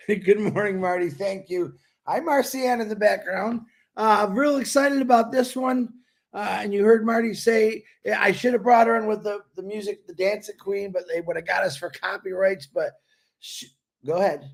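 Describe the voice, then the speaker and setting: Gravelly, effusive man introducing a guest. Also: high voice, steady tone, moderate pace. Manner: effusive, chuckles between phrases. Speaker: livestream co-host introducing guests. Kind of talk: casual chat and guest introduction.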